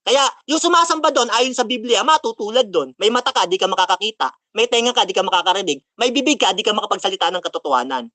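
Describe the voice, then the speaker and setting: A man's voice: very high-pitched, bright, forceful tone, no room sound. A man giving a heated rant after a religious debate, mocking his opponent and quoting scripture between jabs. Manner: taunting, mocking, quotes Bible verses, laughs at opponent. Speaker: preacher speaking after a debate.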